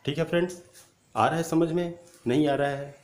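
A male spoken English teacher, drilling letter sounds aloud and urging viewers to repeat them loudly. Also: on the high side, steady tone, moderate pace. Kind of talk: online English pronunciation lesson. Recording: echoey room with faint ambient noise.

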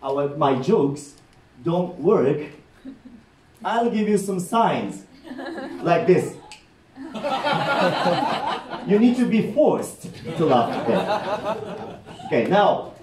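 Captured by a far-off camera in the audience of an indoor meeting room, a middle-aged Japanese-accented rakugo performer tells comic stories live. He is animated and warm, gesturing and checking in with frequent "okay?"s, speaking high-pitched and very slowly with many pauses amid crowd noise, in roomy sound.

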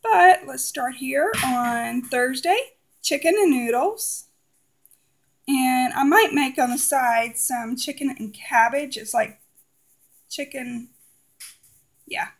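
A woman in her forties talks casually to her phone camera at her kitchen table as she goes through her groceries. Her voice sits a little high and has a gravelly edge, and her chatty, homey delivery is full of little fillers. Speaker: homeschooling mother vlogger. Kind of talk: casual grocery haul vlog. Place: kitchen table at home, indoors.

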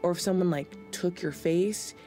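A woman's voice: lowish voice, moderate pace, dark tone, soft background music. A middle-aged woman narrating a tabletop role-playing game as the game master in an indoor studio. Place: indoor studio set dressed as a tavern.

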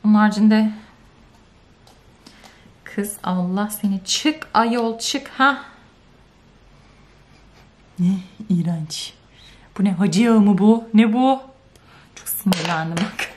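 A young woman vlogging in casual chat, ranting in an animated, exasperated way with sudden high outbursts. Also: slow, pauses often. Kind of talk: casual vlog chat to camera.

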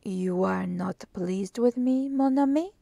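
A woman voicing a fussy, precise older male Belgian detective who asks slow, emphatic questions in a storybook reading. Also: medium pitch, creaky, dark tone, no room sound. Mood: amused. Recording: dry close audiobook recording.

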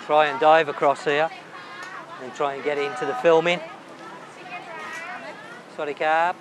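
A man's voice: a little high, fairly even intonation, a little slow, crowd noise. Chatty man touring a noisy night market. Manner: chatty, enthusiastic, thinking aloud. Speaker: travel vlogger host. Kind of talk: walking market tour commentary. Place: busy outdoor night market. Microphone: handheld camera while walking. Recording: loud outdoor market noise.

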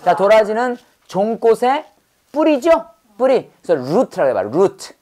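A woman teaching English vocabulary in a brisk call-and-response drill. She fires off quick questions and repeats each word over and over. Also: medium pitch, sing-song, mellow.

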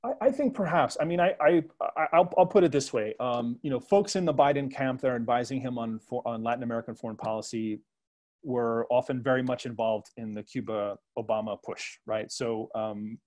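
Speaking a little fast in a middle-pitched, slightly mellow voice, the same kind of panel guest analyst sounds hesitant. He stumbles through fillers and restarts while letting dry sarcasm creep in.

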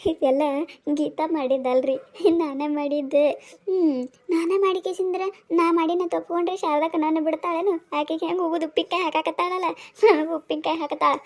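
A woman's voice: very high-pitched, little pitch movement, brisk. A woman voicing a scheming village woman with a North Karnataka accent who gloats to the listener about her plan in a cartoon comedy. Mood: sly. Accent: North Karnataka Kannada. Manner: sly, gloating, confiding.

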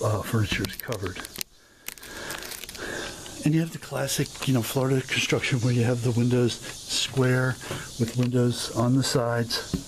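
A man narrating an unscripted walking tour of an old house outdoors, halting with fillers and self-corrections. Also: mid-range voice, background noise. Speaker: video host touring a historic site. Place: outdoors at a historic house, open grounds.

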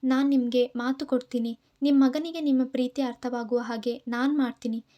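Earnest young heroine reassuring a friend, high mellow voice, read by a woman storyteller in an audio story. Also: fairly even intonation, normal speed, lo-fi sound, natural voice. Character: caring young woman comforting an older friend.

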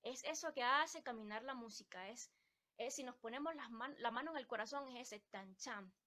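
High, bright woman from Ecuador teaching a live music class, patient, sings the beats. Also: a little fast. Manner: explains patiently, sings rhythm syllables to show beats. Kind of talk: live-stream music lesson.

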